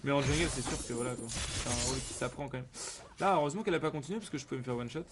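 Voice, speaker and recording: A man's voice: mid-range voice, very fast. A man streaming a video game with casual, rambling commentary full of gamer slang and repetition. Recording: clear background noise.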